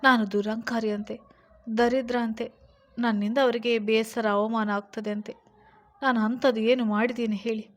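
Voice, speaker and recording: Woman voicing a childlike young wife, pleading, whiny, high voice, audio story. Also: level tone, moderate pace, close to an everyday voice. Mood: tearful.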